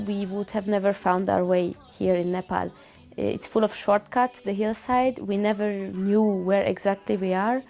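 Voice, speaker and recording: Husky-toned young volunteer doctor, calm. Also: female voice, mid-range voice. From Hungary. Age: 20s. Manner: earnest, matter-of-fact recounting with hesitations. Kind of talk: interview testimonial.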